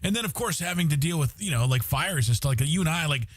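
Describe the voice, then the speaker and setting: A man co-hosting a casual podcast in a quick, joking manner. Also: on the high side, lively intonation, husky, dry recording. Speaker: podcast co-host. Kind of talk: casual chat.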